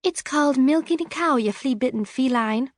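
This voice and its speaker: A woman's voice: sits high, normal speed, a bit bright, no room sound, pitched above the performer's own voice. Woman playing anxious teenage girl, alarmed, defensive, dry close sound.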